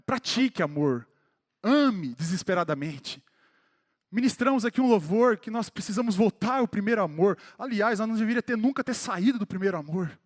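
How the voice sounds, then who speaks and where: A man with a high-set voice and a Brazilian Portuguese accent preaches a sermon at a church service. He speaks straight to his congregation, calling individual members by name. His delivery builds in fervor and emphasis as he drives his points home. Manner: grows more fervent and emphatic toward the close.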